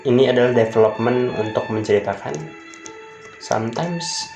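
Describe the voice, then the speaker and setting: A man's voice: mid-range voice, moderate pace. A young Indonesian man giving casual, chatty reaction commentary in colloquial slang with bits of English. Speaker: reaction video host. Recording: roomy echo with music behind. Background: show music playing.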